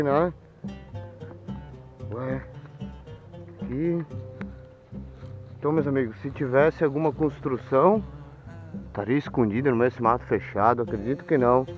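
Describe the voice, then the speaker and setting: A man's voice: medium pitch, moderate pace, pauses often, faint music behind. A Brazilian man speaks in a mid-range voice, recorded outdoors on a handheld camera with slightly muffled, lo-fi sound. He chats informally to his viewers as an exploring vlogger, remarking on what is around him. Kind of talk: casual exploration vlog, talking to viewers. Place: outdoors in overgrown woodland. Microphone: handheld camera at arm's length.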